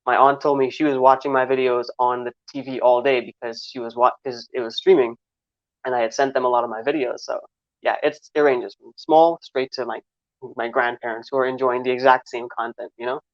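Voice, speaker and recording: A man's voice: medium pitch, steady tone, brisk, dry recording. New york accent guy in his 20s, rambly, lots of um and like, kinda muffled dry audio. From Trinidad. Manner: rambling, many fillers and restarts. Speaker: guest filmmaker. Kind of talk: casual interview answers. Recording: slightly dull, dry recording.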